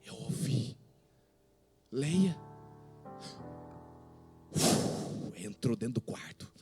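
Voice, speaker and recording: Middle-aged Brazilian male pastor, very high and animated voice, dramatic testimony sermon with soft church music behind. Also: fairly quick. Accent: Brazilian Portuguese. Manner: dramatic, swinging from hushed to shouting.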